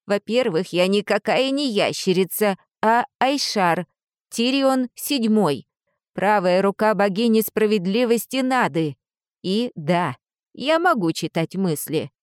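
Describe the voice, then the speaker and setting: Woman narrator doing a small male lizard guardian, haughty and hissing, slightly lowered voice, dry recording. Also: expressive, measured pace, clean tone, dry recording, lightly acted. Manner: hissing, condescending.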